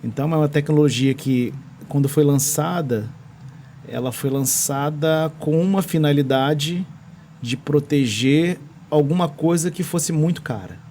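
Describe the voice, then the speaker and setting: Warm in tone and on the high side, this man speaks at a measured pace, with a little hiss or hum in the audio. He has a Brazilian accent and explains technology as a podcast guest over a studio microphone, restarting phrases while he looks for the right words.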